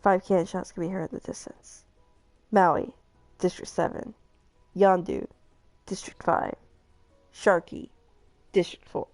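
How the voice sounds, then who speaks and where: A woman's voice: fairly low pitch, steady tone, a little slow, long pauses, a little mellow, faint music behind. A woman hosting a live game stream, chatting casually and reading game events aloud, giggling often between lines. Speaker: streamer host.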